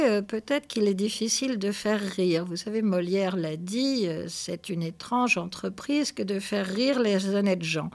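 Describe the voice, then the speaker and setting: A woman hosting a reading show. She introduces the texts casually and hesitantly, with many filler sounds. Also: mid-range voice. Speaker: host. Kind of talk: casual radio presenting.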